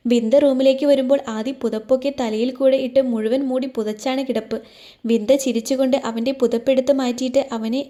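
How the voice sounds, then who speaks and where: A woman storyteller reading a romance story aloud in a soft, even manner. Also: fairly high pitch. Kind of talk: scripted narration of a romance story.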